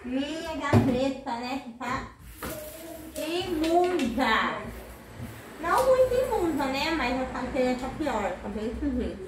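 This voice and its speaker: Woman, Brazilian accent, high voice, chatty cleaning vlog, echoey kitchen, camera far off. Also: very animated, slow pace, noisy background. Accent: Brazilian Portuguese. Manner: chatty, addresses viewers often, tired. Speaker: home cleaning vlogger. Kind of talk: casual chat while cleaning. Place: home kitchen, indoors. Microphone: camera across the room.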